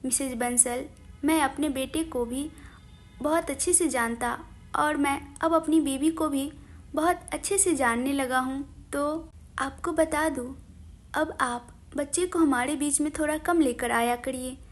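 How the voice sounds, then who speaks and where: A woman doing a soft-spoken teasing husband. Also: measured pace, soft background music. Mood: fondly teasing. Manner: soft, lowered, gently teasing. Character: affectionate teasing young husband.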